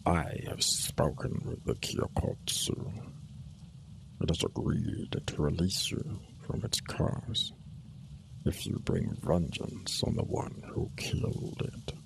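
A male narrator voicing an ancient, menacing female crow spirit who rules the realm of nightmares, speaking slowly and commandingly in a hollow, gravelly voice. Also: low voice, big pitch swings, background noise, heavily acted. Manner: commanding, threatening.

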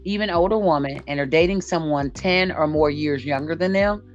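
A woman in her late forties hosts a casual podcast conversation, blunt and emphatic, repeating points to stress them. Her voice sits low at normal speed, and the lo-fi audio is dull with music behind.

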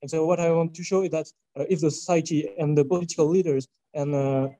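A man in his twenties with a French accent, answering panel questions haltingly. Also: on the high side, fairly even intonation, dark tone, rough recording. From France. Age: 20s. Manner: halting, many filler sounds and restarts. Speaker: youth scout representative. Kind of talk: panel interview.

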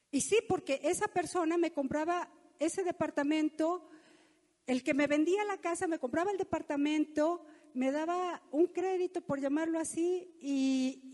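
A woman's voice: high-pitched, dark tone, big-room sound. A middle-aged woman with a Mexican accent, preaching a sermon with emphatic storytelling and asides to the congregation.

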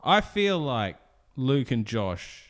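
Very animated man, dry teasing banter. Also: medium pitch, slow. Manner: dry, teasing, mimics people in quotes. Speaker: podcast co-host. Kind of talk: casual banter reviewing a TV show.

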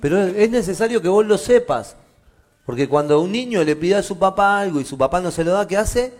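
A middle-aged man with a Rioplatense accent preaches in a fairly high voice, chatting easily with his congregation. He drops to quiet asides, then builds to loud, emphatic preaching. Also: expressive, brisk. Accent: Rioplatense Spanish. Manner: conversational, jokes with the congregation. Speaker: pastor. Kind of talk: sermon. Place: church meeting room with a congregation.

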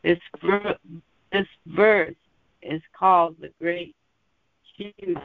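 A man's voice: high voice, steady tone, creaky, no room sound. Man on a glitching, breaking-up phone line. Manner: slow, halting, many fillers. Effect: glitching, breaking-up phone audio. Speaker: Bible study reader. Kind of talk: reading scripture and footnotes aloud. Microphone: phone held away from the mouth.

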